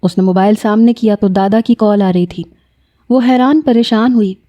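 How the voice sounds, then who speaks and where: Woman narrator for an episodic romance read, mellow and steady. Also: mid-range voice, dull audio. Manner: steady, dramatic storytelling. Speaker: novel narrator. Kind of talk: reading a romance novel aloud.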